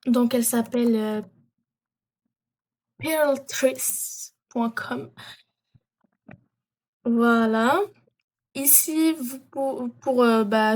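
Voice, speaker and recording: A woman's voice: on the high side, darkish tone. A woman walking viewers through an app in a casual tutorial, hesitant with many fillers and self-corrections. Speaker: vlogger.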